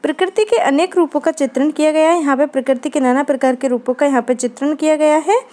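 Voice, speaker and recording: High-voiced woman teaching an exam lecture. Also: fairly even intonation, fast talker, dark tone. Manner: explanatory, frequent "ठीक है दोस्तों" check-ins. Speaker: Hindi literature teacher.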